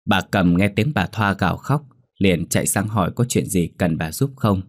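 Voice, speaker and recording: A man tells a ghost story in a steady, dramatic narrating voice. His voice is very deep, and it is recorded close and dry with no room sound. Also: normal speed, dry recording.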